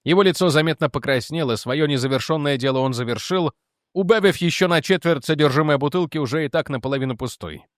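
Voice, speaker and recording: A man narrating a science fiction novel as an audiobook in an expressive storytelling manner. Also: fairly high pitch, quick pace, dry recording, clean studio sound.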